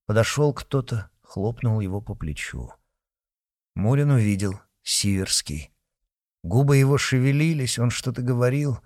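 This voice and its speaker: A man narrating a historical detective audiobook with dramatic, expressive reading. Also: medium pitch. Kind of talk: scripted narration.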